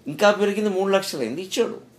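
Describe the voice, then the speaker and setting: A middle-aged man with a high-pitched, rapid-fire voice gives a spiritual discourse, telling stories and asking rhetorical questions with emphatic rises.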